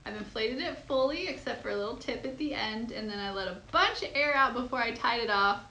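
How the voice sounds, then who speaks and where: A young woman with a fairly high, sharp voice talks a little fast as she teaches balloon twisting step by step. She's bubbly and giggly, gushing over how cute each piece looks, in an echoey room with audible noise.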